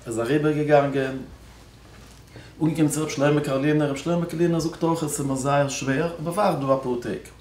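A man, a rabbi, telling a religious story in a speech at a celebration, moving between loud stressed words and hushed low passages. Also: steady tone, moderate pace, echoey room, slight background noise.

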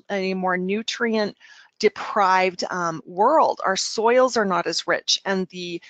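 A woman giving an enthusiastic product presentation, talking with a smile and sometimes getting tongue-tied from excitement. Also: medium pitch, no room sound. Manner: smiling as she talks.

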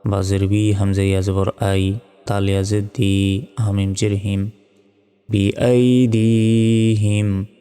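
A man teaching Quran reading, spelling out the Arabic letter by letter in a slow, deliberate drill between drawn-out chanted recitations. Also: sits low, completely flat delivery, warm tone, clean tone. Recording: long hall reverb with faint music.

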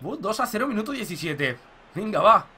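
A young man from commentating his own football video game match, talking to viewers and shouting at goals. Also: high-pitched, fairly quick, husky. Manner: excitable, shouts at goals, addresses viewers as "chicos". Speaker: gaming YouTuber.

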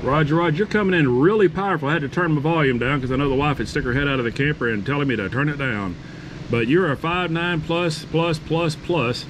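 A courteous man working as an amateur radio operator, calling and repeating phonetic call signs outdoors. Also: a little high. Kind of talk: radio contest-style calling, phonetic spelling. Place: outdoors at a campsite table. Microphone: camera on the table beside the radio. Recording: clear steady outdoor background noise.

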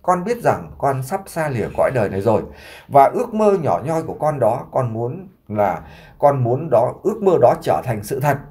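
A man's voice: medium pitch, very animated, moderate pace, dark tone. A man voicing a dying young son, pleading. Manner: earnest, pleading. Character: gravely ill young man pleading for forgiveness.

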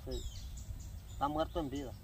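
A man's voice: on the high side, fairly even intonation, normal speed. A man in his forties with a Central American Spanish accent, chatting casually and colloquially outdoors, repeating his phrases for emphasis. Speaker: interviewee, rural cassava seller. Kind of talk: casual chat. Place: outdoors in a dirt yard by a fence. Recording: noisy outdoor rural ambience.

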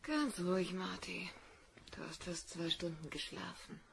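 A woman's voice: lowish voice, lively intonation, measured pace, gravelly, fairly bright tone, heavily acted. An actress playing a downtrodden wealthy wife and mother in an audio drama. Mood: soothing. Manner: pleading, then defiant.

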